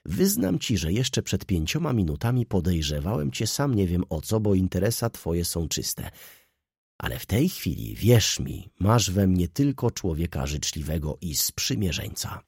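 A man reading an audiobook voices a scheming middle-aged male lawyer who talks in an animated, persuasive, theatrical way. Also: sits low, normal speed, creaky, husky, no room sound, studio quality, heavily acted. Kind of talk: audiobook character voice.

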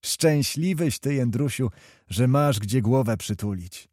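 A man's voice: mid-range voice, expressive, unhurried, a little mellow, no echo, studio quality. A man voicing a rowdy male nobleman comrade who teases and sings drinking songs.

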